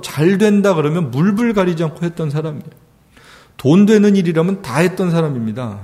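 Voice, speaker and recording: A man's voice: on the high side, warm tone. A man preaching a sermon, asking rhetorical questions and acting out quoted lines in an earnest, emphatic way. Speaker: pastor.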